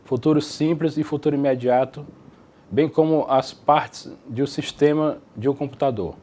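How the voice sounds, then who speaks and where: A man with a Brazilian Portuguese accent teaching English grammar in a recorded distance-learning lecture, explaining the rules step by step and reading the example sentences slowly and clearly. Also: a little high, dark tone.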